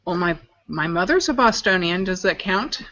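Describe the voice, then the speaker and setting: A woman's voice: on the low side, animated, moderate pace, sharp tone, muffled recording. A woman chatting casually on a live stream as a guest, explaining a coil build as she works. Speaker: guest e-juice maker demonstrating coil builds.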